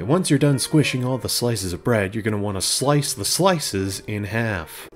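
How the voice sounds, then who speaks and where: Jokey young man narrating a cooking video. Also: on the low side. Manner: deadpan jokey asides, sudden bursts of exasperation. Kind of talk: comedic cooking voice-over. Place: home kitchen.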